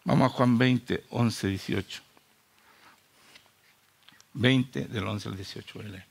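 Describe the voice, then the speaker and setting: A man's voice: on the low side, slow, vocal fry, slight background noise. A Chilean man preaching a sermon with urgent, impassioned rhetorical questions.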